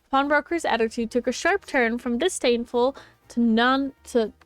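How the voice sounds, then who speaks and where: A woman's voice: fairly high pitch, normal speed. A woman streamer reading a game story aloud as narrator, stumbling and correcting herself at times. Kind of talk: dramatised game narration with casual asides.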